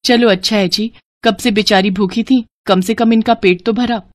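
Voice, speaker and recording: A woman voicing a poor farmer's kind, devoted wife in a cartoon story, gentle and eager. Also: on the high side, fairly even intonation, normal speed, no room sound, lightly acted. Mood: earnest.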